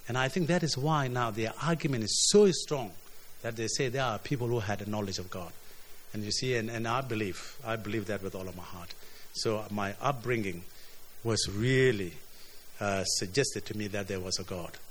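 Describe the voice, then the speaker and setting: A man from preaching a sermon, earnest, often repeating words as his voice swings between emphatic highs and quiet lows. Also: moderate pace, slight background noise. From South Sudan. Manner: earnest, repeats words, rises and drops in pitch and loudness.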